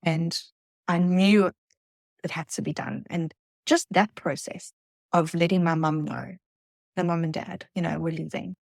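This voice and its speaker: A middle-aged woman from South Africa, a guest telling her story in an earnest, reflective way, halting at times. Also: fairly low pitch, fairly even intonation, creaky, darkish tone, dry recording, clean studio sound. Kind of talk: emotional personal interview.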